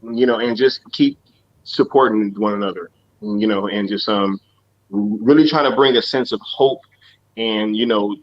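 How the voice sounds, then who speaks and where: A man hosting a casual live stream chat, talking in a laid-back, slangy way full of fillers. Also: on the low side. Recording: dull lo-fi stream audio.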